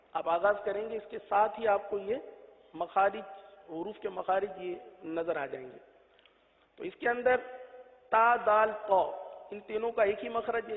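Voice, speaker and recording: High-voiced man teaching letter sounds. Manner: drawn-out sung letter sounds; asks and answers his own questions. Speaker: Quran recitation teacher. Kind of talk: patient spoken lesson. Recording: tinny phone-like echoey audio.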